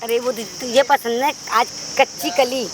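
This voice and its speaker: Actress as a sneering older mother-in-law, high-pitched and mocking, crickets and outdoor noise behind. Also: steady tone, normal speed, close to an everyday voice. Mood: taunting. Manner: taunting, bullying, scornful. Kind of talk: staged confrontation drama.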